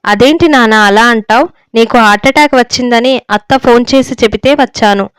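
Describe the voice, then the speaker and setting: A woman's voice: on the high side, brisk, clean tone, dry recording, lightly acted. Woman reading an earnest, defiant young daughter. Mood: pleading. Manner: pleading, then firm and defiant. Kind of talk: storybook reading.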